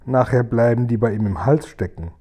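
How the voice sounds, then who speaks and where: A man doing a gentle grumbling giant. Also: medium pitch, fairly quick, natural voice. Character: gentle mumbling male giant, mixes up words.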